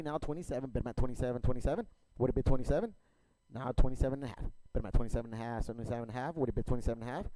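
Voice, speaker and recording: Auctioneer guy doing rapid fire bid chant, repeats numbers over and over, mellow voice, super dry sound. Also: medium pitch, dry recording, low-quality recording. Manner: repetitive chanting of numbers and stock phrases.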